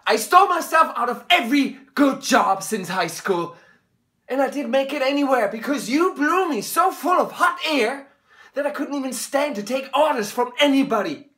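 A man in his thirties or forties playing an anguished, bitter grown son in an intense stage monologue, speaking emphatically with halting pauses. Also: sits high, sing-song, sharp tone, full character voice. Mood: angry, accusing. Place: small indoor room.

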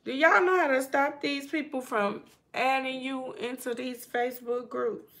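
A woman with a high-pitched, slightly bright voice hosts a casual livestream from home. She talks slowly and chattily, addressing her houseplants as well as the viewers whose comments she reads aloud.

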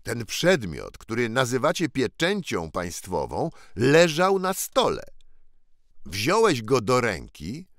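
A man voicing an eager, earnest poor boy who has been crowned by mistake, speaking with animated, pleading insistence. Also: mid-range voice, takes it slowly, no echo, studio quality, voice pushed up, heavily acted.

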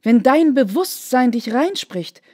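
A woman's voice: sits high, big pitch swings, a little slow, a little mellow, full character voice. Woman reader as a stern aristocratic mother, indignant and exclaiming. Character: stern noble mother, shocked and reproachful. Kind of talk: literary reading.

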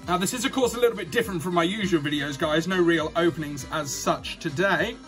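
High-pitched, excited British man announcing giveaways. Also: a little fast, soft background music. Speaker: YouTube host. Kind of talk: casual unboxing and giveaway vlog. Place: small indoor room at a desk.

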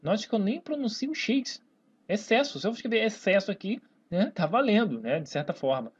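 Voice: mid-range voice, sing-song, fairly quick, breathy edge. A teacher with a Brazilian accent giving a whiteboard grammar lesson. They stretch words out syllable by syllable and keep checking in with "né?" and "tá, pessoal?". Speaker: Portuguese teacher. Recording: dull lo-fi recording.

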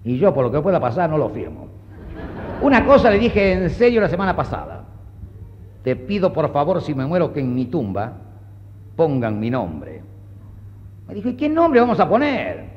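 A man performing a stand-up comedy monologue in a dry, understated deadpan manner. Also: on the high side, normal speed, pauses often, muffled recording. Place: stage before a live audience. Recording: live show with audience and faint noise.

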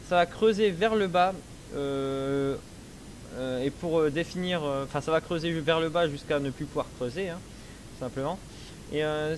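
A young man in a casual let's play, explaining his game setup slowly with many hesitations, speaking into a headset. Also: a little high, slight background noise. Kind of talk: casual gameplay commentary.

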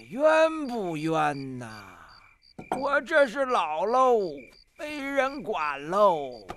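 A man's voice: sits high, pushed and bright, exaggerated voice. An actor playing a frail old man who is secretly a sword master, groaning, begging and teasing in a film scene. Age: older. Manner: groaning, moaning and begging, mocking. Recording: film soundtrack with noise.

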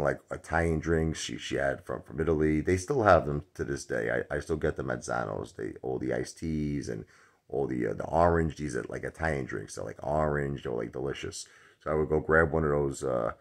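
Very deep gravelly New man. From Brooklyn, New York. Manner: rambling, chatty, many fillers. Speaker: stock vlogger. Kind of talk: casual chat to camera. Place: dark indoor room. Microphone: phone at arm's length.

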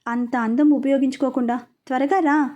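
A woman voices a sneering middle-aged male political broker in a spoken audio story. He taunts sarcastically and sounds quietly menacing, in a high, mellow voice. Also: steady tone, moderate pace, lo-fi sound, natural voice. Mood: leering.

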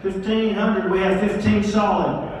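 A man working as a charity auctioneer, calling out bids briskly and coaxing the crowd to raise them. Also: high-pitched, little pitch movement, darkish tone, slight background noise. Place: large hotel ballroom. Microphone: handheld mic, filmed from far back. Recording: echoey ballroom from far off.

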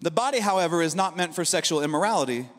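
A man in his thirties preaches from a large auditorium stage, holding a handheld mic. His voice sits high for a man, and his conversational delivery is full of asides. The sound carries a long hall reverb. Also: fast talker. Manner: energetic, conversational preaching with asides and rhetorical "right?". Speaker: pastor. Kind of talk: sermon.

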